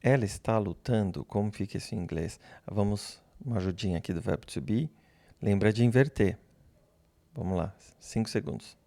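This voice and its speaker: A man teaching English grammar, speaking slowly and patiently, repeating example phrases and pausing so learners can answer. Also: lowish voice, creaky, warm tone, no room sound. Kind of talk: slow, patient classroom explanation.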